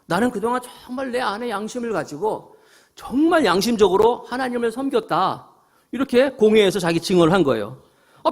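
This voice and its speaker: A middle-aged man giving a Sunday sermon as pastor, telling the story with energy and acting out the quoted lines. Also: high voice.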